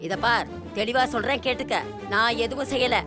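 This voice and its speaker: An actress playing a scheming, quarrelsome old grandmother in a TV serial, with a shrill, mocking manner and wailing exclamations. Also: brisk, lightly acted. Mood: scornful. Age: older. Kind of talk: TV serial acting. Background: music.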